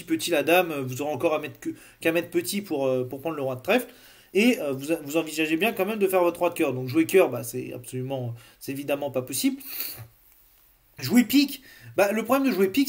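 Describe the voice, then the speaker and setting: A man explaining bridge card play in an unscripted lesson, hesitant, with many fillers and restarts. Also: a little high. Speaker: bridge teacher.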